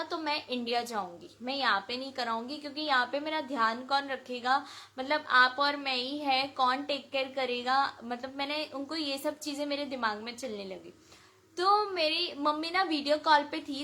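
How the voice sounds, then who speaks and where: A woman from India giving an emotional, animated personal testimony at a devotional gathering, acting out much of the dialogue as she recounts it. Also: sits high. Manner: emotional, animated retelling with lots of quoted dialogue. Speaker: devotee sharing a testimony at a satsang.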